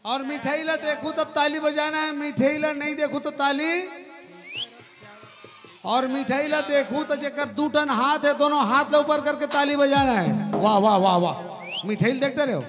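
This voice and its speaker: Very high-pitched Chhattisgarhi man, kids' party magician. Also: moderate pace, over music. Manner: kids party magician patter, teasing, repeating counts and magic words for a child helper. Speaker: stage magician and show host. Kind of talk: live magic show patter to an audience.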